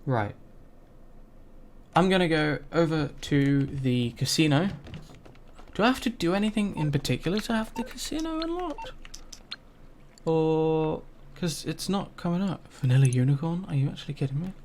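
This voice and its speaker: A man's voice: a little high, animated, moderate pace, a little mellow, a little hiss or hum. Young man rambling over gameplay. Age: 20s. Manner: rambling, mildly frustrated, swears casually. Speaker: gaming YouTuber. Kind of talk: casual gameplay commentary.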